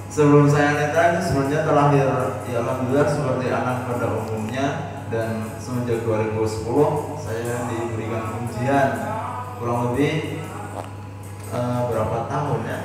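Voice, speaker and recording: A man's voice: medium pitch, fairly even intonation, normal speed. Man in his twenties, echoey and distant. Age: 20s. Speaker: guest. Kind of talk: casual chat. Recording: echoey room from far off with music.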